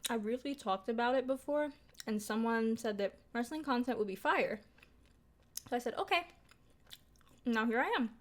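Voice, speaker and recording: Eating on camera, a young woman chats loosely with her viewers in mukbang fashion, leaning on filler words and tossing in mild swears. Her voice runs on the high side at a moderate pace, and she pauses often.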